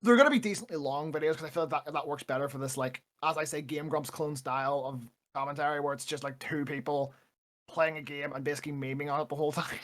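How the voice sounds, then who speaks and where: A young man co-hosting a casual podcast chat. He swears freely, laughs often and breaks into quick rants. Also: a little high, a bit bright. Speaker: podcast co-host.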